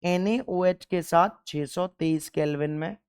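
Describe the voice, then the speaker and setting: Emphatic male teacher, smooth voice. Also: a little high, measured pace, darkish tone. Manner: emphatic, keeps repeating key points and asking the class questions. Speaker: chemistry teacher. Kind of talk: exam-focused classroom lecture.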